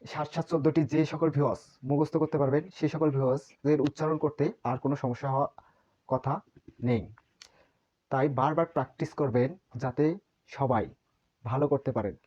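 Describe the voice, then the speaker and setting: Language teacher, mellow voice, patient drilling, dull lo-fi recording. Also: mid-range voice, fairly even intonation, quick pace. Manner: patient, repeats each sound many times as a drill. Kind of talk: online language lesson.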